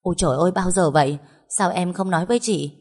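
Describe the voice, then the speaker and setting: A woman's voice: lowish voice, fast talker, darkish tone, natural voice. A woman voicing a worried young married daughter who asks anxious, urgent questions and keeps the peace.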